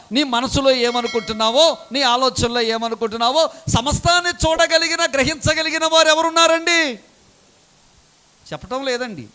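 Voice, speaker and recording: Man, preacher, very high pitch, bright ringing tone, dramatic sermon. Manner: dramatic preaching, swings between loud calls and low asides.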